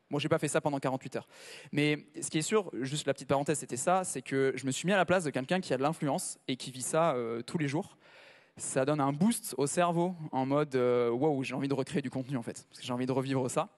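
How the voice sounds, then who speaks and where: A man's voice: mid-range voice, quick pace. A man giving a conference talk with slides, chatty and conversational, turning to the audience and making small asides. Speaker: conference speaker. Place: large conference hall. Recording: long hall reverb.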